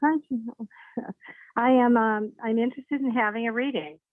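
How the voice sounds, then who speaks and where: A woman's voice: fairly high pitch, fairly even intonation, normal speed, no room sound. A radio show caller, a woman who speaks hesitantly and kindly over a phone line. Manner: hesitant, friendly, short answers. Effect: caller heard over a phone line on a radio show.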